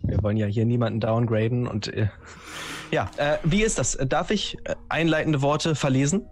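A man's voice: mid-range voice, normal speed, slight background noise. A man in his twenties narrating a tabletop game as game master on a video call. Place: small room at home, video call.

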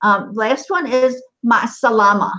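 A woman teaching Arabic one-to-one online gives short, encouraging prompts and confirmations. Her voice is fairly high, bright, and forceful, a little slow, heard through dull, lo-fi online call audio.

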